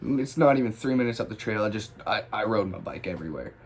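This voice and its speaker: A man's voice: fairly low pitch, quick pace, slight background noise. A man telling a personal story in casual, rambling style, with lots of swearing and restarts. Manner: profane, rambling, animated retelling. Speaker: graffiti storyteller.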